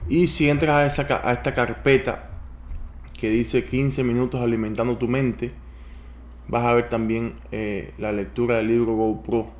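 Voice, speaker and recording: A man reads a sales book aloud to his viewers and adds his own commentary as he goes. He stops to advise them directly and reads the worked examples in a measured way. His voice sits at an ordinary middle pitch for a man. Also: steady tone. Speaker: host reading a book aloud.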